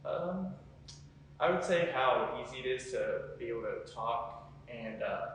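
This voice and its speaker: A young man speaks casually as a student interviewee, at a medium pitch. The recording is very echoey and distant from the mic, with faint noise behind him. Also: lively intonation, measured pace, fairly bright tone. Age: young adult. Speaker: college student being interviewed.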